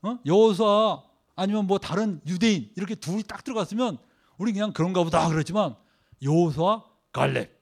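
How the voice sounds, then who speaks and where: A man preaching a sermon, quizzing his congregation with rhetorical questions and leading them through scripture readings, swinging between loud emphasis and quiet asides. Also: high-pitched, brisk. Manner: leads group scripture reading. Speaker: pastor.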